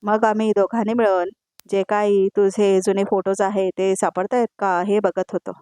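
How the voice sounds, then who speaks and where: A woman's voice: medium pitch, level tone, moderate pace, dark tone, clean tone, dry recording, close to an everyday voice. A woman voicing a tense husband who answers in a hesitant, placating way. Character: tense husband hiding a secret.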